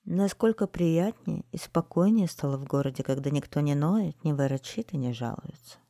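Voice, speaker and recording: A woman voicing a brisk, scornful thin little lady who gives orders in a storybook reading. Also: low voice, animated, warm tone, no echo, clean studio sound. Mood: dismissive. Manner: crisp, dismissive instructing.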